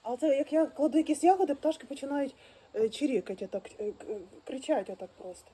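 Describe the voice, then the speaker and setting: A woman talking casually and with great excitement straight to her viewers, full of exclamations. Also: high voice, fast. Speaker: vlogger arranging flowers. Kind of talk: casual how-to chat. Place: outdoors at home, birds nearby.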